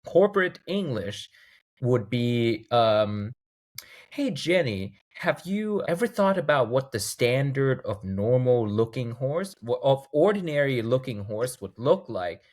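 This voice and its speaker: A man in his thirties from Thailand, a guest chatting casually in an interview and acting out examples as he talks. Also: measured pace. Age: 30s. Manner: animated storyteller, acts out quoted lines in a higher voice. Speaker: guest, video game composer.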